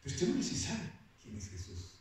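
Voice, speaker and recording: A man preaching a sermon, slow and emphatic, rising now and then into shouts. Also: mid-range voice, wildly swooping pitch, slight background noise. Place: church hall. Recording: very echoey hall, voice picked up from a distance.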